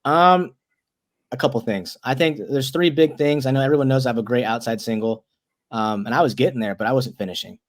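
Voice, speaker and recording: A young man in his twenties, a wrestler and guest, talking earnestly in a casual interview and tripping over his words when excited. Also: mid-range voice, a little fast. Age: 20s.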